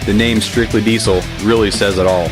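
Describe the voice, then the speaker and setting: A man with a fairly low voice reads a scripted advertisement. Guitar music plays clearly behind his narration. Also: fairly even intonation, a little fast.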